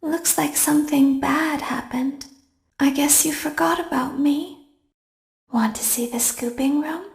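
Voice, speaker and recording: High, gravelly cruel robot girl in an echoey mix. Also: fairly even intonation, measured pace. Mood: taunting. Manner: cold, taunting. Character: cold female robot, cruel.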